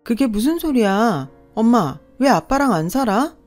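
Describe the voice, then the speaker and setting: A woman's voice: mid-range voice, big pitch swings, measured pace, faint music behind. A woman voicing a hurt young girl who pleads and cries out to her mother. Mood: hurt, pleading. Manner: pleading, crying out.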